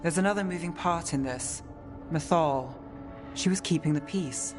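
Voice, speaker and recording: A sharp, analytical companion , voiced by a woman, with a lowish voice, probing each point. She sounds set back a little, music clear beneath. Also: moderate pace, lightly acted. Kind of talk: video game dialogue.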